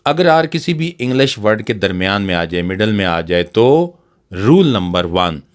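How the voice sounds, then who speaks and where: A man's voice: on the low side, big pitch swings, moderate pace. A man teaching a language lesson, patiently explaining sounds and repeating example words one at a time. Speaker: English teacher.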